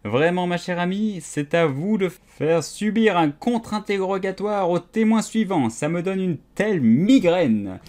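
A man voicing a pompous, fretful king presiding over a trial, with slow, drawn-out, booming speech. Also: a little mellow. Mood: weary.

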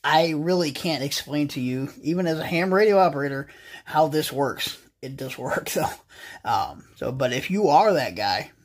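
Folksy American man, slightly high voice. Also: lively intonation, normal speed. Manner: folksy, slangy, plain-spoken. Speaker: vlog host and ham radio hobbyist. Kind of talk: casual explanatory chat. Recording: faint outdoor ambient noise.

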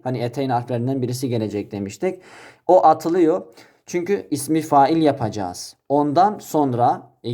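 A man with a somewhat high, warm voice teaches Arabic grammar in a recorded lesson. He calls his listeners brothers and answers his own questions as he walks through each step.

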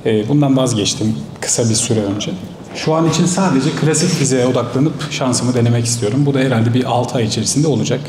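A man's voice: mid-range voice, fairly quick, noisy background. A thirty-year-old man, a bodybuilder on a stage panel, answering fan questions directly and confidently, a bit combative. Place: large hall stage with live audience. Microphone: handheld mic. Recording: echoey hall.

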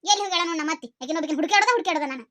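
A fretful young daughter-in-law from a village comedy skit, acted by a woman, speaking with a North Karnataka accent. Her voice is very high and bright. She rattles on fast in anxious chatter. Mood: worried. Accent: North Karnataka Kannada.

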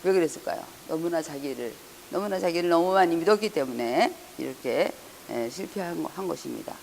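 A pastor preaches an earnest Sunday sermon in a church hall full of long reverb, often pausing and correcting himself and growing louder when reading scripture. His mid-range voice is creaky and a little mellow, with lively intonation and a slightly fast pace, over a faint hiss or hum.

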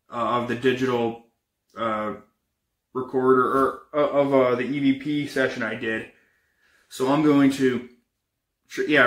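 A man plays an uneasy young paranormal investigator in a found footage horror film. His mid-pitched voice is bright and a little tense, with halting, casual, improvised phrasing. The amateur camera audio carries clear room echo. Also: natural voice. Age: young adult. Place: indoors, bedroom and kitchen.

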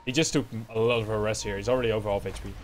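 A man with a Dutch accent giving excitable play-by-play commentary on an esports match. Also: lowish voice, racing, a little hiss or hum. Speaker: esports caster.

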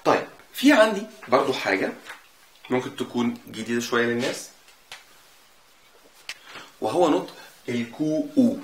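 A man with an Egyptian Arabic accent teaching a casual language lesson, repeating sounds slowly to show them. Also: medium pitch, big pitch swings. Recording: echoey room with faint noise.

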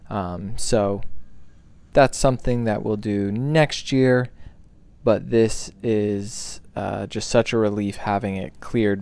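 A man's voice: lowish voice, darkish tone. A young man in casual vlog talk, explaining his plans while he works on a wooded lot, filming himself at arm's length. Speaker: homesteader and landscaper. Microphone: phone at arm's length.

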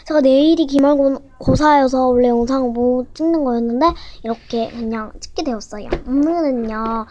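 A teenage girl chatting cutely through a home tutorial vlog, often dropping to a soft near-whisper. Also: high-pitched, moderate pace, lo-fi sound. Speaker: vlogger.

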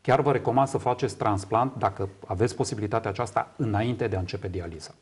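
Wearing a lapel mic in a small TV studio, a kidney patient advocate from Romania in his fifties gives emphatic explanations as an interview guest. He repeats words to seek agreement. His voice is lowish and husky.

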